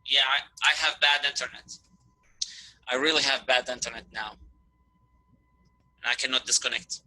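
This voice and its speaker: A man with a piercing, very bright voice lectures an online class through his computer mic. He talks in halting pieces and repeats himself. His audio comes through choppy, with words cutting out on an unstable internet link. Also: mid-range voice, steady tone, poor audio. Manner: halting, repeats and restarts phrases. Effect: choppy audio cutting out on a bad internet connection. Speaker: instructor. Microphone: computer mic on a video call.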